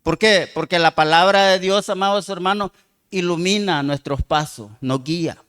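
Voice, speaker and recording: A man preaching a sermon, reading scripture slowly and loudly and calling the congregation "hermanos" again and again. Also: sits high, clear, resonant tone. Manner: addresses the congregation with frequent "hermano" and "amados hermanos". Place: church.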